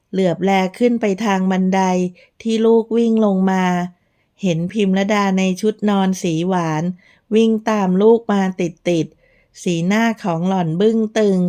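A woman narrating a romance novel in a slow, measured, even reading voice. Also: mid-range voice. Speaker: audiobook narrator.

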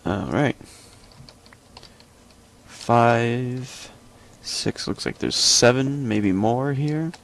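Gravelly young man rambling over gameplay. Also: medium pitch, expressive, takes it slowly, few pauses, a bit bright. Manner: rambling, thinking aloud with many fillers; joking asides. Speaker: gameplay commentator. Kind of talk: casual let's-play commentary.

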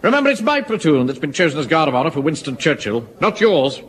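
An actor playing a pompous, blustering middle-aged Home Guard captain in a radio sitcom. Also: male voice, fairly high pitch, sing-song, fast talker, a bit bright. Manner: pompous, blustering, self-important. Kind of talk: 1970s radio sitcom acting.

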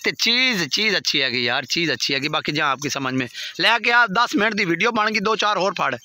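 A man's voice: sits high, animated, fairly quick, bright, forceful tone. A man, haggling insistently and repeating himself while filming with a phone in an open farmyard. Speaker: vlogger and goat buyer. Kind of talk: casual bargaining on camera. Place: outdoor dusty farmyard. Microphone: phone held at arm's length.

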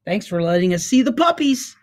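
A woman's voice: mid-range voice, big pitch swings, brisk, darkish tone, voice pushed up, natural voice. A woman reading aloud, voicing a distracted, apologetic schoolboy who mutters. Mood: sheepish.

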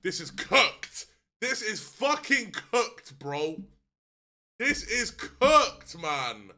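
Extremely slow yet excitable, this twenty-something streamer has a high, swooping voice and a slangy way of talking. He gives casual reaction chat to his viewers from a small decorated room at home, close to a boom-arm desk mic.

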